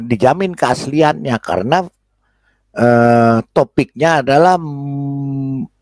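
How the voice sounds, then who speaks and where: A man's voice: medium pitch, a little mellow, no echo. Man chatting over a clip, dry sound. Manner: conversational, with fillers and repetition. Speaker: host commenting on a debate clip. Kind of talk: casual commentary.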